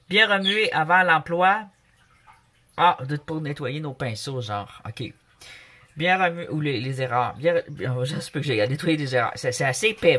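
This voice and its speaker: A woman's voice: low voice, bright, forceful tone. A woman with a Québécois French accent, casually chatting and joking as she reads a paint label aloud for a craft video at home. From Canada. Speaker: craft vlogger. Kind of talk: casual product review. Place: home, with a noisy pet bird.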